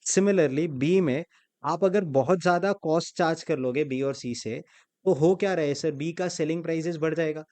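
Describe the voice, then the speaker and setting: A man's voice: a little high, moderate pace, a little mellow. A man teaching an accounting class, quizzing students and prompting them to answer aloud, mixing English terms into his speech. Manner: mixes English terms into Hindi. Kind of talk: classroom lecture with call-and-response.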